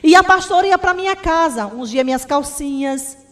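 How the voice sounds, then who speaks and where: A woman's voice: sits high, lively intonation, moderate pace. A woman evangelist giving a fervent testimony sermon in Brazilian Portuguese, often calling her listeners beloved.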